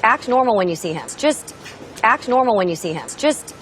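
A flustered young woman from a TV series, with a natural, everyday voice. She rattles her lines off quickly. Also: fairly high pitch, expressive, slight background noise. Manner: fast-talking. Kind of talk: TV series dialogue.

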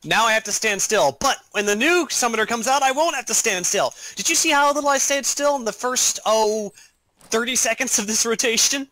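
Ranting animated young-sounding gamer guy. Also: extremely high pitch, brisk, dry recording. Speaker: gamer explaining class changes. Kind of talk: casual gaming chat.

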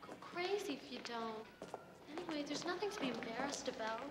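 A woman's voice: sits high, animated, brisk, low-quality recording. A pushy teen girlfriend. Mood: insistent. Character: pushy teenage schoolgirl friend. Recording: old TV audio with music behind.

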